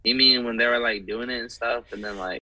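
A man chatting casually as a podcast guest, animated and rambling, full of squeamish exclamations. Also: medium pitch, fairly quick, rough recording. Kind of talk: casual chat.

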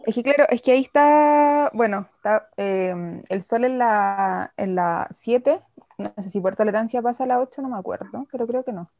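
A woman's voice: a little high, normal speed, mellow, lo-fi sound. A young Chilean woman chatting casually about astrology, with short teasing interjections.

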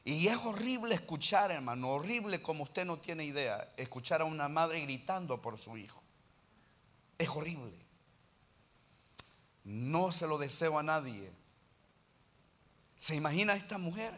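Man, pastor, impassioned sermon, high pitch, bright forceful tone. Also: expressive, a little slow, pauses often. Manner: impassioned preaching, addresses listeners as brother, rises to loud passages.

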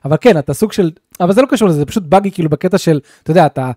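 A man co-hosting a casual gaming podcast, telling game stories with animated, acted-out bits. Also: high voice, no echo, studio quality. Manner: animated storyteller, acts out scenes. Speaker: podcast co-host.

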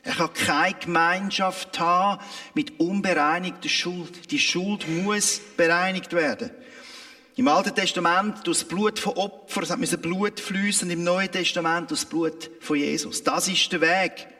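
High, bright Swiss German preacher. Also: male voice, steady tone, unhurried, big-room sound. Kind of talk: sermon.

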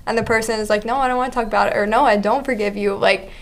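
A young woman co-hosting a casual faith discussion, speaking in a warm, affirming, conversational way. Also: medium pitch, fairly even intonation, very fast. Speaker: podcast co-host.

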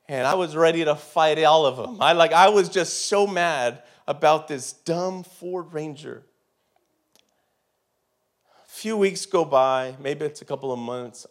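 A man telling a personal story in a sermon, animated and emphatic, swinging between loud and hushed. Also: fairly high pitch.

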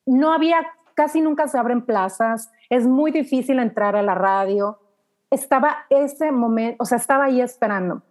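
Mexican-accented woman, fairly high voice, animated anecdotal guest storyteller. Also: moderate pace. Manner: lively anecdotal, acts out quoted dialogue. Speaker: radio announcer guest. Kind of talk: casual storytelling interview.

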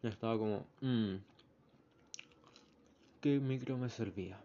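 A man's voice: medium pitch, a little slow, dark tone. Young Chilean man telling a rambling story. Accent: Chilean Spanish. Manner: rambling storyteller, acts out the voices in his anecdotes. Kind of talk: casual spoken diary. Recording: slightly muffled with faint background noise.

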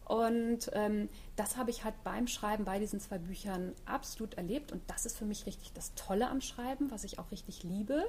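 A woman's voice: mid-range voice, moderate pace, hardly any pauses, darkish tone, slight background noise. A middle-aged woman author chatting reflectively in an interview, with frequent fillers. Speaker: author guest. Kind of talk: casual interview talk.

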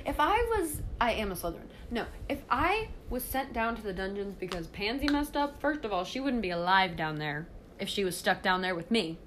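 A woman's voice: mid-range voice, animated, a little fast, fairly bright tone, a little hiss or hum. A young woman chatting casually in a bossy, ranting, playful way, breaking into sing-song fillers. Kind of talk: casual chat.

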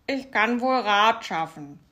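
A man voicing a male frog in a fairy tale, with a drawn-out, pleading voice. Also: sits high, animated, pushed and bright, pitched above the performer's own voice, full character voice. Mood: coaxing.

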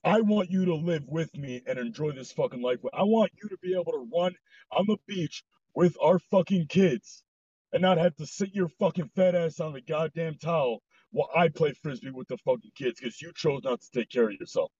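Brief: a fairly high-voiced, husky man hosting a podcast, blunt, profane and ranting, on a dull lo-fi voice chat. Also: moderate pace, a little mellow, no room sound. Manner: heated, swears heavily, ranting. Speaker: podcast host. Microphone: voice chat mic. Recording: dull lo-fi online voice call.

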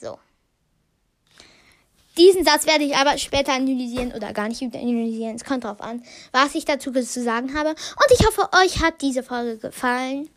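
A woman's voice: high voice, normal speed, a bit bright. A woman hosting a casual podcast, reading short passages from a book and commenting on them, thinking aloud with many fillers and restarts. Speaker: podcast host.

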